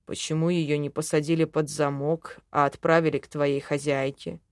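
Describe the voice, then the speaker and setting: Woman as a sardonic male elf, measured, dry, lowered voice, storybook reading. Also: level tone, no echo. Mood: puzzled. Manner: dry, measured, mildly mocking. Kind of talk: audiobook character voice.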